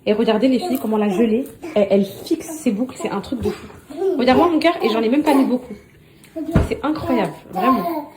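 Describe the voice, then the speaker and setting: A woman's voice: a little high, animated, a little fast, a crowd in the background. A young woman and mother chatting casually to her followers on a phone story from her kitchen and garden, bubbly and gushing. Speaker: lifestyle influencer and mother. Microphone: handheld phone.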